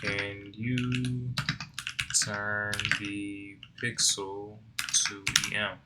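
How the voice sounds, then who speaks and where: A man's voice: on the low side, flat delivery, drawn-out words, very noisy. A man working through a coding lesson, reading the text aloud and then puzzling over it in a sleepy, think-aloud way. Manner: reads lesson text aloud, then muses and questions himself. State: sleepy, yawning. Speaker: coding learner.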